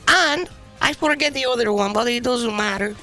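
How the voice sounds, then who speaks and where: A man doing a piercing falsetto wife impression, full of indignant grievances and broken grammar. The voice is very high and bright, with a put-on foreign lilt. Music plays softly under the radio bit. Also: moderate pace. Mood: complaining. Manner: complaining, broken grammar, mock-serious. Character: high-voiced woman, a famous model's impression, angry wife.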